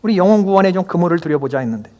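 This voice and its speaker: A man's voice: sits high, animated, rapid-fire, a little mellow, dull audio. A male pastor preaching a Sunday sermon in a church, emphatic and often putting questions to the congregation. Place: church sanctuary. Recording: long hall reverb.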